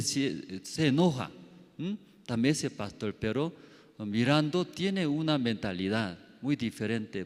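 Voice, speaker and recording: A man preaching a sermon as pastor, telling stories with sound effects and acted quotes, in simple, halting phrasing. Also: medium pitch. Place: church hall. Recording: long church hall reverb.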